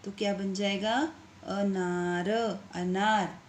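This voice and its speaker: A woman teacher giving a lesson to young children. She talks patiently and stretches words into slow syllables so they can repeat them. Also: on the high side, reverberant, slight background noise. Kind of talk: online class lesson.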